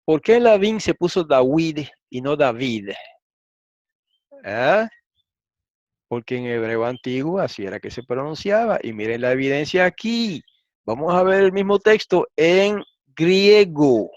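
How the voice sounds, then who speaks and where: A man teaching a lesson, reading transliterated Hebrew and Greek slowly and asking frequent rhetorical questions. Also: a little high, animated, no room sound. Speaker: Bible teacher. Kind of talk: lecture explaining Hebrew and Greek texts. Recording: dull, slightly lo-fi and dry.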